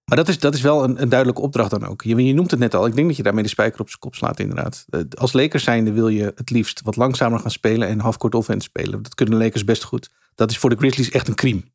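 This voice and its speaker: A man's voice: medium pitch, fast talker, creaky, few pauses, darkish tone, no echo. Guy chatting sports analysis, normal midrange voice, really dry sound.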